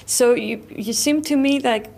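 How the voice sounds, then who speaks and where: A woman interviewing a guest, asking questions with many halting restarts. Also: on the high side, creaky, a little mellow. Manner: halting, many restarts, non-native phrasing.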